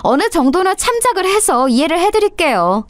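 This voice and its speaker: A woman's voice: very high-pitched, very animated, a little fast, dry recording, studio quality, voice pushed up. A woman playing a smug, sarcastic young wife. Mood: mocking. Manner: sarcastic, coolly insolent.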